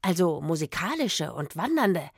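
A woman's voice: on the low side, big pitch swings, normal speed, breathy edge, dry recording, clean studio sound, full character voice. A woman playing a cheeky boy musician. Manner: joking, hasty and mumbling asides.

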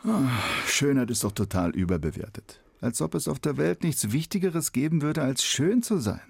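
An actor playing a grumpy, fed-up magic mirror that grumbles in a gravelly voice. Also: male voice, medium pitch, very animated, moderate pace, no room sound, clean studio sound, full character voice. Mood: annoyed. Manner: grumbling, exasperated. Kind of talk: radio play fairy tale.

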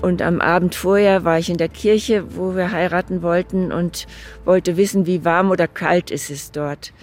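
A woman's voice: on the low side, steady tone, moderate pace, soft background music. Older woman recalling memories. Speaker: interviewee.

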